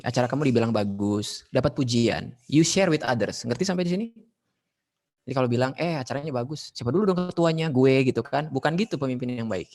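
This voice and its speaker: Lively man lecturing an online class. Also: medium pitch. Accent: Indonesian. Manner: lively, mixes English phrases, calls on students. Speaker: teacher leading a leadership training session.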